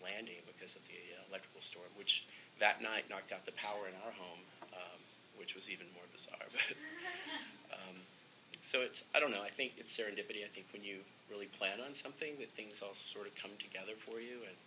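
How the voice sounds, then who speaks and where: Low-voiced earnest film director. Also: male voice, very animated, a little fast, background noise. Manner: earnest, gets emotional, frequent ums and uhs. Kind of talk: interview, storytelling.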